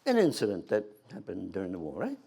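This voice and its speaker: An American war veteran in his eighties or older reminisces through animated anecdotes. His voice sits low and sounds creaky and husky, and he halts and restarts while acting out dialogue.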